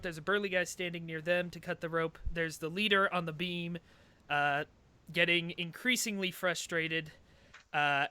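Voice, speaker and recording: Man, game master, high bright voice, crisp and dry. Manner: quick, questioning, explains rules. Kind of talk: narrating a tabletop game.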